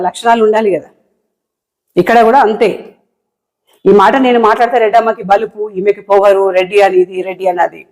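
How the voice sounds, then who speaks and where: A woman's voice: medium pitch, a little mellow, low-quality recording. A married woman with a Telangana Telugu accent, delivering a heated, impassioned monologue as an online political commentator, hammering points with repetition. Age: adult, married.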